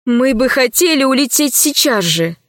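A woman's voice: sits high, expressive, moderate pace, fairly bright tone, no echo, clean studio sound. A woman voicing a grieving but resolute woman who speaks in a weary, controlled way. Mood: weary firm.

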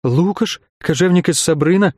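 A calm, firm young woman guiding lost souls, speaking softly yet with urgency, as a male audiobook narrator voices her. Her voice sits a touch higher than the narration, in a dry, close recording. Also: normal speed, husky, no room sound. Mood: urgent. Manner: soft, steady and urgent.

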